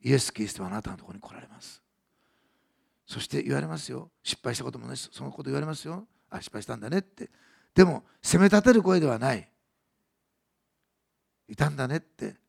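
A man preaching a sermon as pastor, earnest, moving between soft hushed passages and raised emphatic lines. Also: mid-range voice, lively intonation, fast talker, vocal fry, slightly rough.

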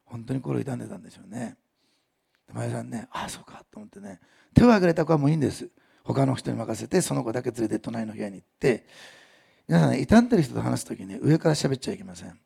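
A man preaching a sermon as a pastor, telling stories with animated delivery and acting out the people he quotes. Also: medium pitch, fast, creaky, slightly rough.

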